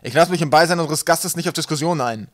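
A man voicing a harsh, domineering sky pirate captain who shouts orders loudly. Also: mid-range voice, fairly even intonation, quick pace, dry recording, clean studio sound, lightly acted. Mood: angry. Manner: harsh, loud, barking orders.

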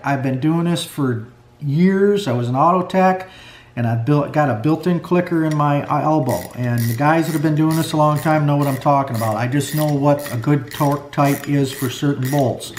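This hands-on tutorial comes from a middle-aged snowmobile clutch mechanic talking through a clutch rebuild at a garage workbench, plainspoken and full of fillers. His voice is a little high, with slight hiss or hum in the echoey workshop recording.

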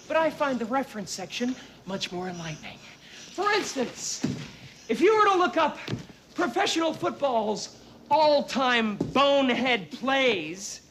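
A man's voice: very high voice, fairly bright tone, a little hiss or hum, heavily acted. A man playing a flamboyant, wisecracking film detective, smug and theatrical, with an exaggerated mocking delivery. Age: 30s. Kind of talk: theatrical comedic film acting. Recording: film soundtrack with music underneath.

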